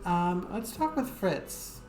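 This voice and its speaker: Her voice sits on the low side, animated but slow, as this woman game streamer chats informally with viewers. She rambles hesitantly with lots of fillers, and game music echoes through the room.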